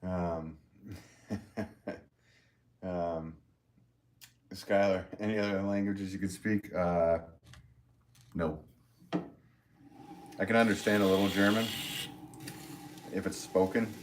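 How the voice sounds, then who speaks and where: A low-pitched American man talks casually on a livestream. He rambles along, half to himself and half to his viewers, as a working potter. There is faint noise and some clicking in the recording. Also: fairly even intonation, slow pace, pauses often. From United States. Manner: rambling, chatty, talking to himself while working. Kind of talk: casual livestream chat, reading comments.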